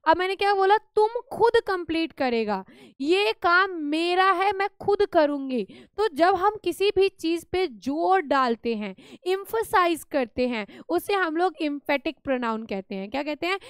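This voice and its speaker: High-voiced Indian woman teaching grammar. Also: no room sound, studio quality. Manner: mixes Hindi and English, asks and answers her own questions; speaks English example sentences slowly. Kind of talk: grammar lesson for school students.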